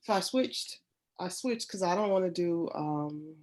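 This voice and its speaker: Woman, low congested voice, lax and hesitant delivery, informal conversation among hobbyists. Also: unhurried, darkish tone, slight background noise. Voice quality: congested, stuffy-sounding. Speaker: sewing group member showing her projects. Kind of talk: casual chat.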